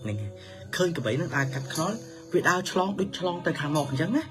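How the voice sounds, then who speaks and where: A man telling a story for children in a lively manner, his pitch swinging up and down. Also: fast talker. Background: music.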